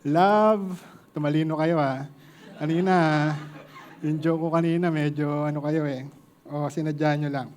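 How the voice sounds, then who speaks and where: Slow, high-voiced Filipino preacher. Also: male voice, fairly even intonation, a little mellow, a little hiss or hum. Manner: slow, mixing two languages, joking with the congregation. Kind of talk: sermon.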